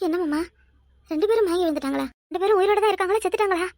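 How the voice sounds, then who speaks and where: A woman's voice: very high-pitched, racing, a little mellow, dry recording, studio quality. A woman voicing a young village wife in a cartoon, with a Kanyakumari Tamil accent and an earnest, imploring manner. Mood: alarmed.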